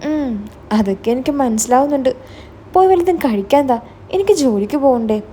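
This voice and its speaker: A woman's voice: high-pitched, animated, fairly quick, dark tone, a little hiss or hum. A woman voicing a stern young older brother who scolds and demands answers.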